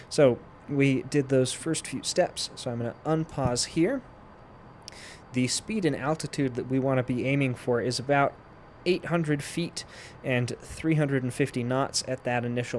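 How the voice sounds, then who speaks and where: A man's voice: mid-range voice, slight background noise. A man giving casual, step-by-step instructional commentary while he plays a flight simulator. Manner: explains step by step while playing. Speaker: flight sim tutorial presenter.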